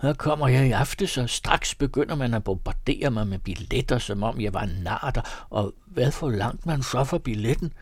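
A man's voice: medium pitch, expressive, few pauses, husky, dry recording. A man voicing a self-satisfied townsman who chatters smugly about his own good sense.

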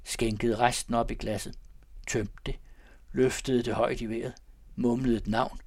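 A man narrating a classic literary story in a measured, storytelling manner. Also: medium pitch, level tone, darkish tone, dry recording.

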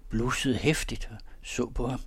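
A man calmly reading a romantic story aloud in a measured, softly expressive way. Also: medium pitch, slightly rough. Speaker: narrator. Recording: dry close recording.

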